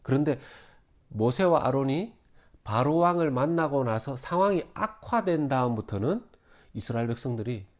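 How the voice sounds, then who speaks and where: A man's voice: mid-range voice, a little mellow. A middle-aged male pastor preaching a sermon in a conversational way, acting out the people he quotes.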